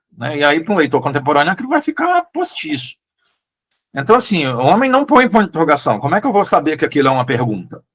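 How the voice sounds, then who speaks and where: A Brazilian man, a literary translator, talking through his choices in a relaxed interview, with frequent restarts and questioning tags. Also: on the high side. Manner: thoughtful, hesitant, many restarts and "né?" tags. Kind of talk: casual conversational interview.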